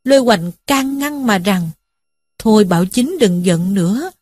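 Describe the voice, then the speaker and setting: A woman's voice: medium pitch, lively intonation, a little slow, darkish tone, slightly rough, no room sound. Woman narrating a classic tale, dry. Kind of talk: storybook reading of a classic novel.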